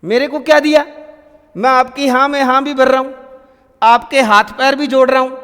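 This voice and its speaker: A man's voice: very high-pitched, fairly even intonation, normal speed, sharp tone, clean tone. A man voicing the word 'some' as a complaining character in a classroom story. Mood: aggrieved. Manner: aggrieved, complaining. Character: the word 'some', a grumbling thing. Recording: long reverb in a room.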